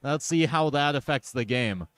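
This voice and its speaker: A man's voice: medium pitch, lively intonation, normal speed, fairly bright tone, no room sound. A man commentating a card game in casual chat, wry and self-deprecating, talking through each play.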